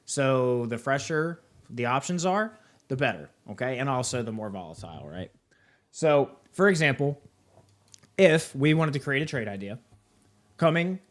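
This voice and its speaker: A young man hosting a live trading session, walking through a platform in a casual way, with many fillers and tag questions. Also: medium pitch. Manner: casual, filler-heavy, keeps asking "right?" and "okay?". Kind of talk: live screen-share walkthrough.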